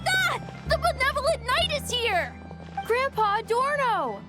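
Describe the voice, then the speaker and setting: A woman voicing an excitable small child villager in a video game. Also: extremely high pitch, unhurried. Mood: delighted. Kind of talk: video game character acting. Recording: clear game music behind.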